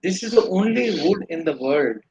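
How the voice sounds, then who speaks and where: A man's voice: high-pitched, animated, moderate pace, darkish tone, a little hiss or hum, rough recording. A man with an Indian accent giving earnest, rambling spiritual teaching in a live question-and-answer session. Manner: earnest, rambling explanations with restarts.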